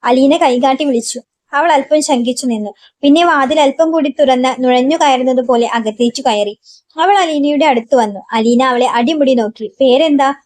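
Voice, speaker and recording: High-voiced woman reading a novel. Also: normal speed, a little mellow, dry recording. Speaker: narrator. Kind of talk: novel read aloud.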